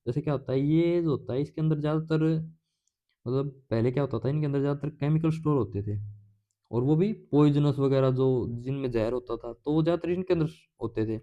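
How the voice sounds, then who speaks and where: Slightly high-pitched and a little quick, a man runs through English idioms in an easygoing lecture, asking his own questions and then answering them with playful humor. The recording has its highs cut off.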